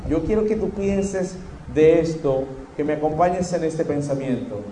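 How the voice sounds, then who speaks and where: Male church interpreter, high voice, halting with fillers, reverberant hall. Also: expressive. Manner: hesitant, with fillers and restarts while interpreting. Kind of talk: live sermon interpreting. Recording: echoey hall with faint noise.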